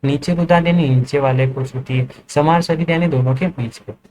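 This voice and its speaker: A man with a slightly raised pitch teaches a lesson, walking through each point and posing questions that he answers himself. Faint noise sits under the voice. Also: fairly even intonation, a little fast, a little mellow, poor audio. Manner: explains step by step, asks and answers his own questions. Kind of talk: classroom lecture.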